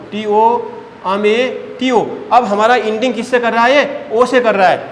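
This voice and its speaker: Here a male teacher, his voice fairly high, takes the class through grammar rules, continually questioning and then supplying the answers, with "beta" as his name for the students. The acoustics are those of a large classroom: long reverb and faint background noise.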